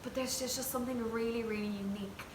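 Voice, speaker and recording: A young traditional singer from Ireland chats earnestly in an interview, using plenty of fillers. Her voice is a little high, fairly even in intonation and quick. The casual conversation was recorded in an echoey room with background noise.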